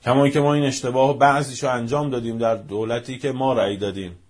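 A man preaching with fire, piling up rhetorical questions. His voice rises to near shouts, then drops to low, quiet asides. The pitch sits at an ordinary middle level for a man. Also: steady tone. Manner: fiery rhetorical questions, swinging between loud outbursts and hushed asides. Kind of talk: impassioned political-religious speech.

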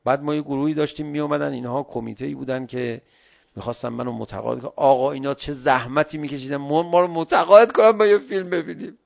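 A middle-aged man giving an animated, pleading religious talk in the style of a sermon, recorded on dull lo-fi audio. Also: mid-range voice, vocal fry. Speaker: religious lecturer.

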